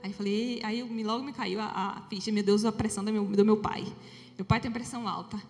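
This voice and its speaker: A woman giving a personal testimony in church, telling her story in an animated way and acting out the dialogue. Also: mid-range voice, fairly quick. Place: church hall. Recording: long hall reverb with faint music.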